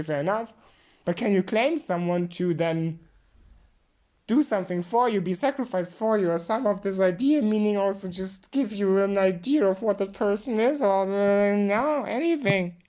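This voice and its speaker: A woman's voice: mid-range voice, animated, moderate pace, darkish tone. A woman giving a drunk, rambling philosophical monologue, emphatic and repeating herself.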